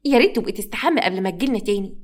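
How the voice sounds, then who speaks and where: A scornful, haughty stepmother in an Egyptian storybook tale, put on by a woman narrator, her voice pitched a little high. She talks down to everyone with quick, sneering contempt. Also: expressive. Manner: sneering, condescending.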